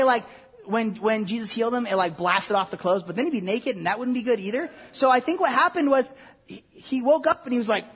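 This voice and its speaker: A woman preacher delivering a lively sermon. She acts out the scenes and asks the listeners questions. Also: on the high side, slightly rough. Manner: animated, acts out the scenes with big shifts in loudness.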